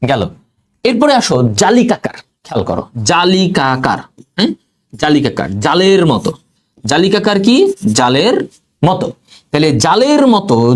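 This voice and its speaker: A man teaching biology for exam prep, quizzing his students and drilling memory tricks by repetition. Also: on the high side. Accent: Bangladeshi Bengali. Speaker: biology tutor.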